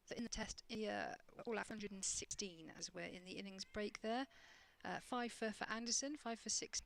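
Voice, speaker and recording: A woman giving live cricket commentary, measured and analytical, reading the play ball by ball. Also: mid-range voice, creaky, a bit bright.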